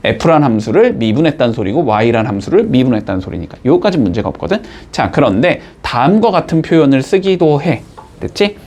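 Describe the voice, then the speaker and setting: Man, math teacher, classroom lecture, lively swooping pitch, keeps checking in with students. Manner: checks in constantly with quick rising tags.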